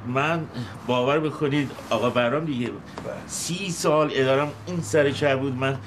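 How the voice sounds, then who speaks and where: A man's voice: medium pitch, noisy background, lightly acted. An actor playing an eager, apologetic older man starting his first day as a taxi driver. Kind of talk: TV series acting.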